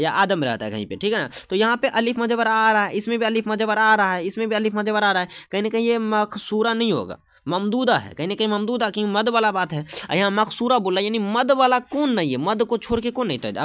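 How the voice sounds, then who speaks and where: A man teaches an exam-prep lesson in a high voice, repeating each term and asking the class questions. The recording is dry and close, with no room sound. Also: a bit bright, no room sound.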